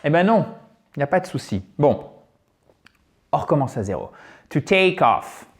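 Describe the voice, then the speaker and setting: A man teaching an English grammar lesson on video, lively and chatty, often checking in with his viewers. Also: fairly high pitch, normal speed.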